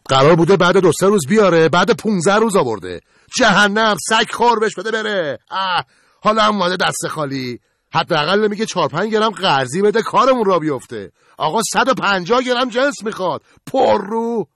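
A man voicing a greedy middle-aged male drug dealer who yells and sneers in a storybook reading. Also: sits high, animated, dry recording, clean studio sound, voice pushed up, heavily acted. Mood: scornful shouting. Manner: yelling, scornful and stubborn.

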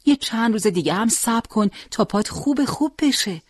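A storyteller voicing a caring hospital nurse, concerned and gently firm, in a dry recording. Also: mid-range voice, lively intonation, no echo, voice pushed up, close to an everyday voice. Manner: concerned, coaxing.

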